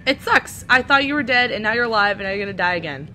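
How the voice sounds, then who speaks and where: A woman's voice: mid-range voice, lively intonation, fast talker, bright, forceful tone, a little hiss or hum. A young woman doing let's-play commentary, sarcastic, swearing and talking back to the game characters. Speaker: gaming channel host.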